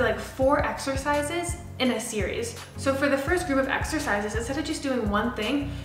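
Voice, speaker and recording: In her twenties and fairly high-voiced, this fitness coach talks casually and directly to camera, explaining fitness advice as a talking head. The small, bare room with a window gives her an echoey indoor sound, and music plays beneath her.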